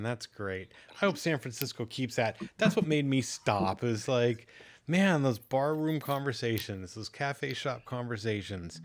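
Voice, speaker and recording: A man co-hosting a casual panel chat, talking in an earnest, musing way. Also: mid-range voice. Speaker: podcast co-host.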